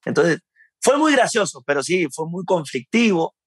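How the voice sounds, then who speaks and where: Husky, animated Uruguayan man. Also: high-pitched, moderate pace, no room sound. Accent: Uruguayan Spanish. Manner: animated storyteller, laughs often, acts out shouts. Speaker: interview guest. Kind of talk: casual interview storytelling.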